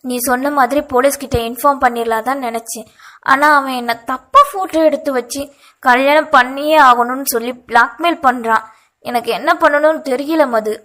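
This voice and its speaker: A woman voicing a frightened young woman who is crying, telling her trouble in hurried, shaky speech. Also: fairly high pitch, close to an everyday voice. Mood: tearful. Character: frightened young woman, office worker, tearful.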